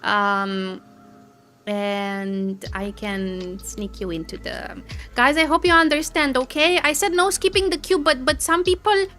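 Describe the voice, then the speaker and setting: A woman's voice: high voice, fairly even intonation, unhurried, bright, forceful tone. A woman live streamer doing tarot readings, chatting casually and giggling as she greets her viewers. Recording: background music under the voice.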